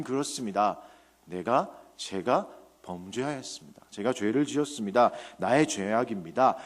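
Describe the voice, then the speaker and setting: A man's voice: mid-range voice, long reverb tail. A man preaching a sermon as a trainee pastor, joking with the congregation and asking rhetorical questions.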